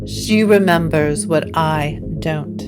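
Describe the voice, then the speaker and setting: Clear music accompanies a woman narrating a gothic audio drama. Her voice sits a little low, and she keeps a slow, measured pace with a solemn, atmospheric delivery.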